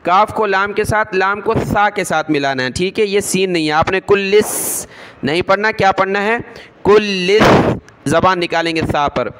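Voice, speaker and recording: A man teaching Quran reading, spelling out letters one by one and then reciting each verse slowly and drawn out. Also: high voice, bright, forceful tone, clean tone.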